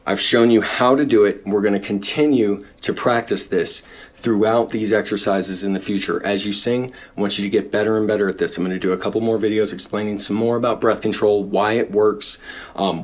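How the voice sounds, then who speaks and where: Lower-pitched male vocal coach, instructive lesson delivery with demo gasps. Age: adult with young daughter. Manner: instructive, demonstrates breathing with audible gasps. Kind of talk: singing lesson explanation.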